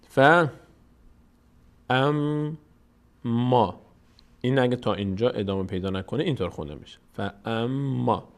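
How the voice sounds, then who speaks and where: A man teaching Quran recitation step by step, patiently repeating words slowly and drawn out, then explaining the rules quickly. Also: fairly low pitch, a little mellow. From Tajikistan.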